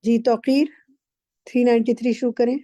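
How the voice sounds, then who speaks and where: A woman teaching an online class, patiently correcting students' recitation and drilling pronunciation slowly. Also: on the high side, flat delivery, warm tone, no room sound, highs cut off. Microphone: video call.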